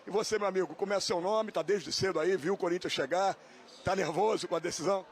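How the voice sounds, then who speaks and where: A man reporting live on location and interviewing a fan, in a brisk, lively manner. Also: high voice, slight background noise. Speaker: field reporter.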